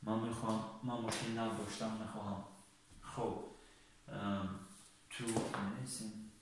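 A man's voice: lowish voice, little pitch movement. Tajik-accented man teaching in an echoey room. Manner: halting explanation with many fillers, English sentences spoken slowly and deliberately. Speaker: English teacher. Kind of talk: online language lesson. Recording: very echoey room, voice off-mic, faint noise.

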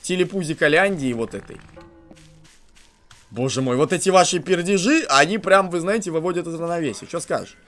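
A man giving crude, joking let's play commentary on a horror game, swinging from muttered asides to shouting at the character. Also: a little high, expressive, brisk, faint music behind. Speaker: game streamer.

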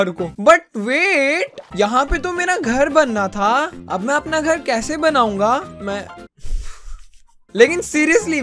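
A man's voice: extremely high pitch, bright, forceful tone. A young man with an Indian accent giving joking, self-mocking commentary while playing a game, mixing English into his talk. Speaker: gaming YouTuber. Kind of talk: casual gameplay commentary.

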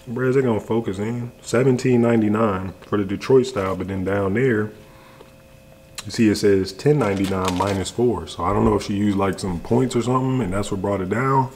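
A young adult American man reviews food casually to the camera while eating in his home kitchen, keeping things laid-back and slangy. His lowish voice has a darkish tone and a brisk pace, with slight background noise.

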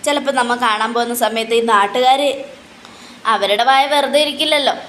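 A jittery middle-aged father from a TV drama who soothes and placates the people around him, as a woman voices him. The voice is barely disguised and stays a little high, with a faint hiss behind it. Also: normal speed, a bit bright, close to an everyday voice. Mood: anxious. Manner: anxious, placating. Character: nervous middle-aged father, eager to please.

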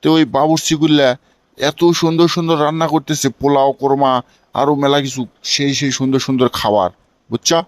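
A man's voice: medium pitch, steady tone, brisk, no room sound, lightly acted. A man playing a foolish, boastful, lovestruck young villager in a comic cartoon, emphatic and colloquial, with a Bangladeshi regional accent. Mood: dreamy, boastful. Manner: emphatic, keeps checking he is understood.

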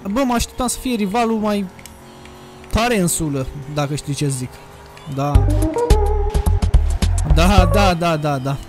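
Young male gamer, high-voiced, crude and excitable, shouting bursts, casual play-by-play on a desk mic with faint game music behind. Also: long pauses. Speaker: gaming youtuber. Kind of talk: casual gameplay commentary. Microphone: desk USB microphone.

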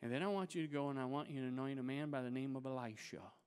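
A man's voice: medium pitch, racing, a little mellow, clear, resonant tone, natural voice. A male pastor voicing God giving firm, authoritative commands, in a reverberant sanctuary. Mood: commanding.

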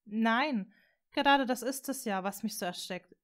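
A woman's voice: unhurried, a bit bright. A woman reading a fan story aloud, voicing a shaken, confused teenage boy wizard in a raised, agitated voice. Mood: unsettled. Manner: agitated, pitched up.

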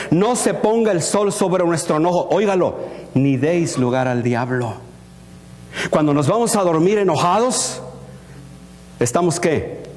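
A pastor preaching a sermon in a church, asking the congregation questions, acting out little scenes and slipping in English words. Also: male voice, sits high. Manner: animated, asks the congregation questions and acts out scenes. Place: church hall. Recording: long reverb of a church hall.

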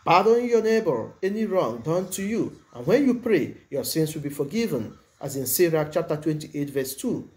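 Man preaching a measured, emphatic sermon. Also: fairly high pitch, very animated, a little mellow.

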